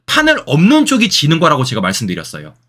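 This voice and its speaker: A man's voice: a little high, wildly swooping pitch, fast talker, a bit bright. A man hosting solo political commentary, firing rhetorical questions at his viewers and repeating key phrases for emphasis. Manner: addresses viewers directly.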